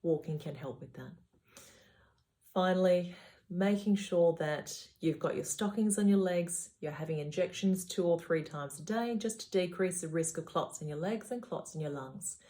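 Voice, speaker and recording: A woman's voice: fairly low pitch, moderate pace, warm tone. A woman speaking as a surgeon, giving patients instructional advice in a matter-of-fact, reassuring way.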